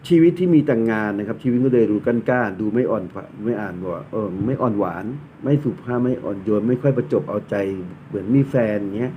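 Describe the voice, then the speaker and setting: A man's voice: on the low side, expressive, quick pace, hardly any pauses. Male tarot reader, casual blunt joker, lo-fi phone-like audio with light hiss. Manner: blunt, joking, swears freely. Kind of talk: casual explanatory talk. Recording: tinny phone-like sound, faint noise.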